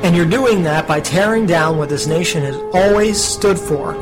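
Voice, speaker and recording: A stern spirit of the future, played by a man who lectures in a firm, sarcastic tone. The voice sits slightly high, with clear music underneath. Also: moderate pace, natural voice. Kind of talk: comedic parody radio play.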